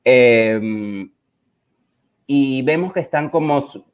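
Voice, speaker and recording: A man's voice: mid-range voice, animated, slow pace, smooth. A man with a Caribbean Spanish accent talking reflectively as a visual artist, hesitant and often searching for words. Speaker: visual artist presenting his work. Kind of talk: reflective conversational talk. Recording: dull, lo-fi online audio.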